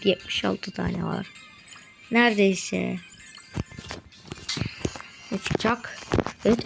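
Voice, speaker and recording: A woman giving gameplay commentary to her viewers while opening rewards, quickly getting frustrated and excited. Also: fairly high pitch, vocal fry. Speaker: mobile game streamer.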